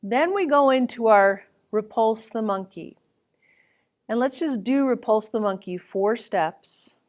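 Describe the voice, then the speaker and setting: A woman teaching a tai chi class, giving calm, gentle step-by-step movement cues. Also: a little high, measured pace. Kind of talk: instructional movement lesson, spoken cues.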